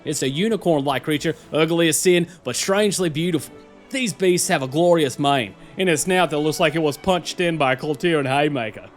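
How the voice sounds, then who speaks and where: A man's voice: on the high side, a little fast, close to an everyday voice. A man performing as a chummy, adventurous Australian nature documentary presenter, colloquial and enthusiastic. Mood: relieved, delighted. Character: cheerful, adventurous Australian male wildlife presenter. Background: music.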